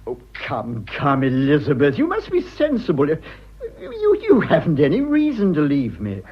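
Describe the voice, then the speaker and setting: An actor voices a prim, petulant middle-aged husband in a period radio drama, using an upper-class British accent and a fussy, spluttering, condescending delivery that sounds hurt and pleading. His voice is fairly high with wildly swooping pitch at a moderate pace, and the highs are cut off.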